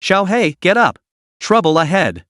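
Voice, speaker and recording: A man plays a scheming young beast tamer who grumbles to himself about costs and plans. The voice sits slightly high with a lively, bouncing pitch. The recording is dry and close. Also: unhurried, no echo, full character voice. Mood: urgent.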